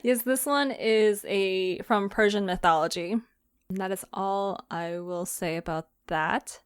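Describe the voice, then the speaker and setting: A fiction podcast creator hosts her show in a casual, chatty style, giggling and laughing often. Her voice is medium-pitched and steady, her pace unhurried. The audio is clean, echo-free and studio quality.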